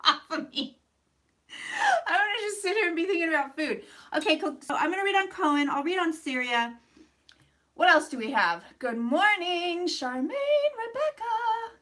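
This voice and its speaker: A woman with a high, bright voice hosts a casual livestream. She sounds a little congested as she rambles and thinks aloud. Her manner is playful and sweary, with effusive greetings to her viewers. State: slightly congested after flu. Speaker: livestream host doing psychic readings.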